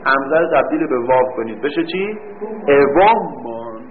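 A man teaching a grammar lesson, explaining step by step, asking the class questions and drawing out example words slowly. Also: mid-range voice, lively intonation. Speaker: teacher of Arabic morphology. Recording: tinny phone-like recording.

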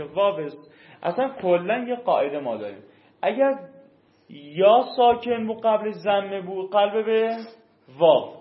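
A man teaching a class, stretching out key terms and checking that his students follow. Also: high voice. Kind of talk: classroom lesson on Arabic grammar rules. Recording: echoey, slightly dull room recording.

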